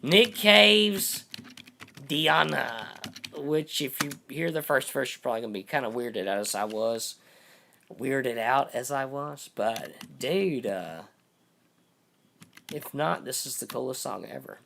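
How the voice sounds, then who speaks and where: A hoarse man rambling and cursing his way through casual live-stream chat as host, saying his voice is going out. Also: medium pitch, unhurried, a bit bright, slight background noise. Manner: profane, rambling storytelling.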